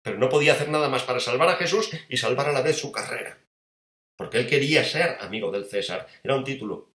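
A Spanish man preaches with vivid storytelling, firing rhetorical questions and dropping to a hush. His voice sits at an ordinary pitch and rings through an echoey room. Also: fast. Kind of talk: dramatic sermon storytelling.

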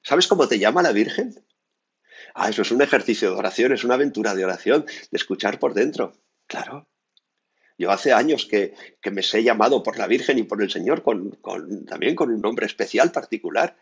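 A man from Spain, a priest giving a spoken meditation in a conversational manner with frequent tag questions and lively asides. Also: fairly low pitch, brisk, husky, muffled recording.

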